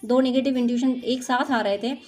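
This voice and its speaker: A woman's voice: sits high, steady tone, fairly quick, darkish tone, soft background music. A woman doing an intuitive spiritual reading for her viewers, talking in a soothing, motherly, reassuring way. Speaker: spiritual card reader.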